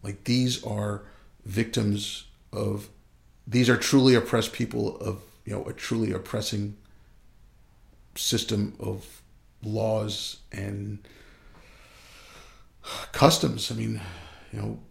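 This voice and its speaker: A man speaking as a guest in a casual conversation, earnest and a bit halting, often trailing off. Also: lowish voice, little pitch movement, vocal fry. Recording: echoey room.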